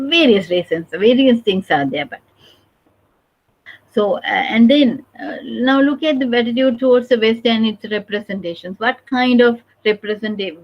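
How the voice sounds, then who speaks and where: A middle-aged woman from Sri Lanka, giving an academic conference talk in a halting, discursive way with many restarts. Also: medium pitch. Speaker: conference speaker. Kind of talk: academic lecture. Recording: dull lo-fi recording.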